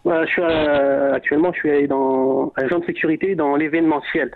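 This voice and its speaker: Man, 40s, radio caller, hesitant and halting, slightly high voice, tinny phone line. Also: fairly even intonation. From France, of Algerian descent. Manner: hesitant, halting, many fillers. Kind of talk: phone-in conversation.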